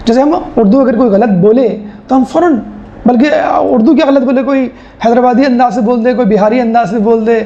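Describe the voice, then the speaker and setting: Woman teacher lecturing, gravelly and mellow, echoey lo-fi room. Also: fairly high pitch. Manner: explanatory, rhetorical questions, mimics people. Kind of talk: classroom lecture.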